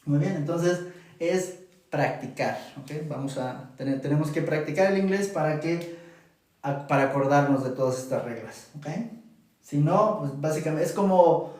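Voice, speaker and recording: A man's voice: on the high side, normal speed, darkish tone. A man teaching English pronunciation in a live stream, patient and repeating "ok?" to check in. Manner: patient, repeats "¿ok?" often, exaggerates sounds to demonstrate. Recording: very echoey room, voice a bit far from the mic.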